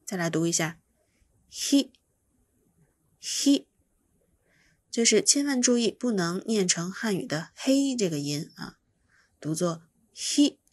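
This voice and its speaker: A woman's voice: lowish voice, animated, moderate pace, a little mellow, breathy edge, no echo. A woman teaching pronunciation, patiently explaining each sound and demonstrating it by repeating it. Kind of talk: slow instructional explanation.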